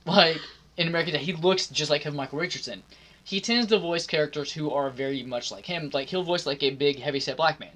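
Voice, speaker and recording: A man co-hosting a casual gaming podcast, talking loosely with lots of filler words and frequent throat clearing. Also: fairly high pitch, quick pace, a bit bright. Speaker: podcast co-host.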